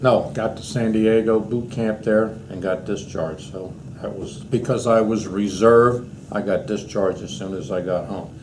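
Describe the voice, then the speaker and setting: A man's voice: lowish voice, fairly even intonation, unhurried, few pauses, a little mellow. An American man in his eighties, an old veteran remembering his service in a rambling, anecdotal way during an interview. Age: 80s. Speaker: war veteran being interviewed. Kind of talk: reminiscing in an oral history interview. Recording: noisy interview recording with room ambience.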